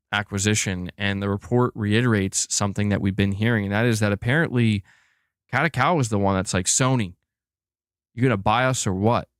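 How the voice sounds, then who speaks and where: A smooth, lowish male voice belongs to a gaming news livestream host who keeps things casual and conversational, reacting to chat as if talking with viewers. The recording is dry and the studio sound is clean.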